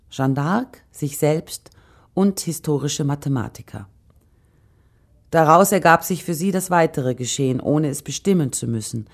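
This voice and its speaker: Low-voiced woman reading a story. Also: a little mellow. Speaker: narrator. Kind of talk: scripted narration.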